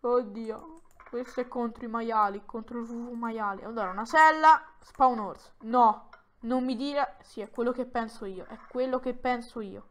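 A woman commenting on her own Minecraft play for viewers, excitable and given to dramatic exclamations while talking straight to the audience. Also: fairly high pitch, measured pace. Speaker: gaming YouTuber.

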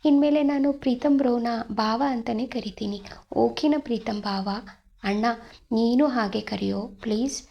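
A woman's voice: fairly high pitch, moderate pace, gravelly, lo-fi sound. A woman voicing an eager playful young man.

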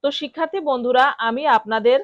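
A woman with a Bengali accent, teaching a vocabulary lesson and repeating each word slowly for learners to copy. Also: sits high, dry recording, highs cut off. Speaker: language teacher. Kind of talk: instructional lesson.

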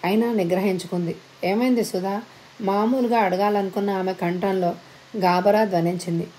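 A woman narrating an audiobook story with measured, dramatic phrasing. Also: medium pitch, fairly even intonation, warm tone, a little hiss or hum, low-quality recording.

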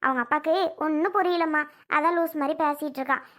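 A high-pitched old grandmother, played by a woman, who scolds her son bluntly. She turns syrupy and coaxing when she talks to the little girl. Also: fairly even intonation, fast talker, bright, forceful tone. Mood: scolding. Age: older. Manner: scolds the son, coaxes the child sweetly.

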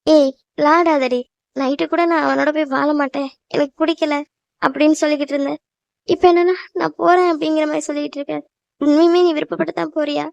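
A woman's voice: high-pitched, little pitch movement, fast, vocal fry, no room sound, highs cut off. A woman voicing a worried, loving cartoon mother who fusses and pleads with her newly married daughter. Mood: tearful. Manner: fussing, emotional, pleading. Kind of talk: cartoon voice acting.

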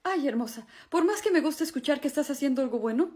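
A woman's voice: high-pitched, lively intonation, fast talker, a little mellow. A woman playing a lovestruck, cocky young man, suave and melodramatic, in a comedy skit. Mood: wounded.

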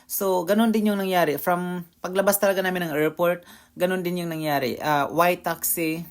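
A man's voice: sits high, moderate pace. A man from the Philippines, a vlogger, casually telling a story to camera and acting out both sides of a heated exchange. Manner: animated retelling, acting out both sides of the argument.

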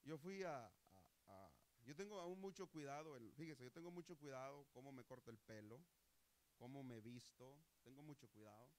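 A man preaching a sermon as pastor, animated, asking the congregation rhetorical questions. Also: mid-range voice, moderate pace, a little hiss or hum. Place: church.

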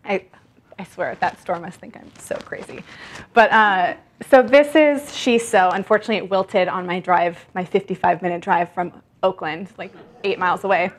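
A woman's voice: fairly low pitch, normal speed. A woman in her thirties, a guest author at a library event, talking chattily while showing produce. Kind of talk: casual talk at a library event. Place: library event room, indoors.

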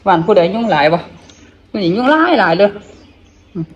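A middle-aged woman with an Isan accent chats casually while eating, talking with her mouth full, haltingly, repeating phrases and murmuring between them. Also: mid-range voice, animated, muffled recording, slight background noise. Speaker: vlogger.

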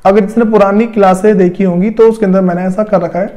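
A man's voice: high voice, fairly even intonation, quick pace, dark tone. A man teaching an English grammar lesson, explaining step by step and asking himself rhetorical questions as he writes on a board. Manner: repetitive, rhetorical questions to students.

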